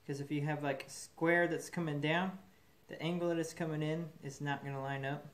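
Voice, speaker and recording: In a metal fabrication shop, a man talks through a build in a relaxed way, thinking aloud with fillers. His voice is fairly high and a little fast. The camera mic records him off-frame from above the bench.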